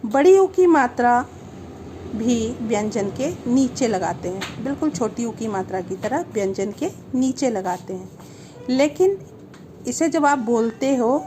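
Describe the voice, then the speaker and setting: A woman's voice: fairly high pitch, a little mellow, a little hiss or hum. A woman teaching a Hindi lesson, explaining step by step, repeating each term and asking the viewer questions. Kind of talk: slow, patient language lesson.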